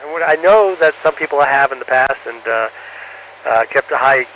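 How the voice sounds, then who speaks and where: Answering students from the space station, an astronaut speaks haltingly and leans on fillers, closing each response with "over". His voice is medium-pitched and a bit bright. The radio downlink is muffled, has faint static, and breaks up.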